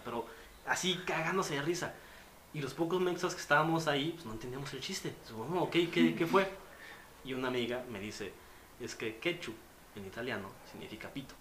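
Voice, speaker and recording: A man's voice: mid-range voice, a little fast. A young Mexican man with a Mexican accent, telling stories in casual, slangy chat. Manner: storytelling, slangy, animated retellings. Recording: roomy with faint noise.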